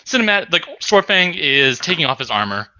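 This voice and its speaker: A man's voice: on the high side, very animated, brisk, bright, forceful tone, highs cut off. A man co-hosting a casual podcast, explaining video game lore in detail with sarcastic, profane asides. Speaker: podcast co-host. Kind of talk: casual drunk podcast banter.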